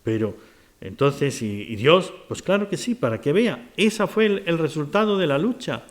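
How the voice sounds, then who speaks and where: A man's voice: fairly high pitch, lively intonation, normal speed. A man preaching a sermon, retelling scripture stories and asking his listeners rhetorical questions.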